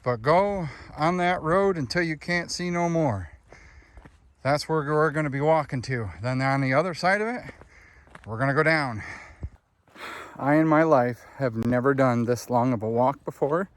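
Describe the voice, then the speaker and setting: A man's voice: on the high side, normal speed. A young man walking outdoors up a hilly rural road, out of breath and chatting casually to viewers as he films himself. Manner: chatty, addresses viewers as friends and dudes. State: out of breath, winded. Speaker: vlogger. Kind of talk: casual walking vlog narration.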